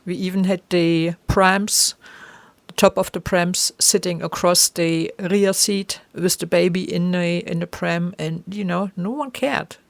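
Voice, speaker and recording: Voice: mid-range voice, steady tone, measured pace, vocal fry, no echo. A middle-aged vlogger from East Germany with a German accent, chatting casually and chuckling at their own jokes. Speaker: travel vlogger. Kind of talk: casual vlog narration.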